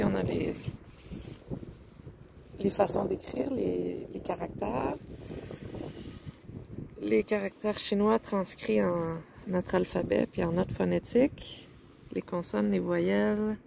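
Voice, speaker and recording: A woman's voice: mid-range voice, creaky, noisy background. A woman with a Québécois French accent, talking casually and musing aloud as she shows pages of a book, rambling and hesitant, playing on words.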